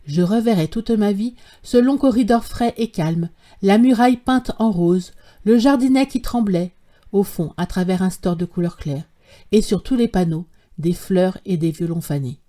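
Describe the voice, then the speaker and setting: A woman narrating a classic short story as an audiobook, in a measured, literary reading style. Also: mid-range voice, warm tone.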